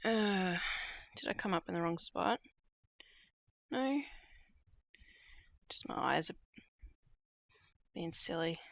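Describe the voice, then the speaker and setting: Woman streamer, relaxed and lowish, talking through her craft at home, dry and close, a touch muffled. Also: creaky, no room sound. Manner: relaxed, unhurried, thinking aloud with many fillers. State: starting to lose her voice. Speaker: cross-stitch streamer. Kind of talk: casual live-stream chat while crafting. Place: at home at a table, at night.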